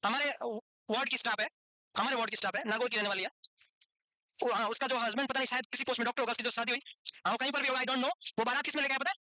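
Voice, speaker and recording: A man's voice: very high voice, fairly even intonation, racing, pauses often, sharp tone, dry recording. A male nursing teacher lecturing his class, breaking off into chatty, teasing stories and jokes with his students. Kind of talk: classroom lecture with joking asides.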